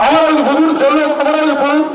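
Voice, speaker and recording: High-voiced man over a loudspeaker. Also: monotone, fast talker, background noise. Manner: loud, repetitive cheering calls. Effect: voice heard through a public-address loudspeaker. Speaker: event announcer. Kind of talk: live event commentary calling out prizes. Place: outdoor bull-taming arena. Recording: echoing loudspeaker heard from far off over a loud crowd.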